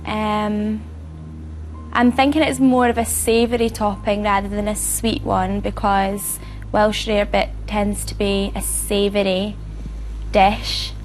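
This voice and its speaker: A woman's voice: medium pitch, little pitch movement, slow, darkish tone, soft background music. Young woman thinking aloud. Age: 20s. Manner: reasons aloud, thoughtful with fillers. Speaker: quiz contestant. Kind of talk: game show answers and chat.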